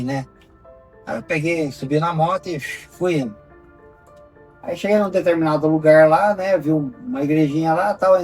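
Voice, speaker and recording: Over faint background music, a middle-aged Brazilian man recounts his personal testimony in a fairly high voice. He tells it like an animated storyteller, swinging his pitch as he acts out the dialogue. At tense moments he sinks into a hushed, low tone. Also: distant mic. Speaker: founder of a rescue project, telling his story. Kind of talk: personal testimony in casual conversation.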